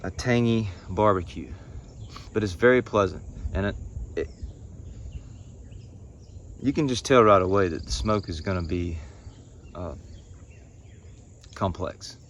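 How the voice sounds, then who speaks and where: A man in his thirties giving a casual review to camera, speaking in short phrases with unhurried pauses. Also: low voice, slight background noise. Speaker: pipe tobacco reviewer. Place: outdoors in a pine wood.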